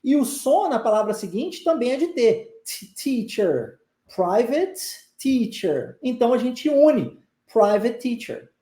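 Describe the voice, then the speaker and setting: With a very high, mellow voice at normal speed, a male English teacher carrying a Brazilian Portuguese accent leads a live online pronunciation class. He encourages his viewers and has them repeat phrases, and the sound is reverberant.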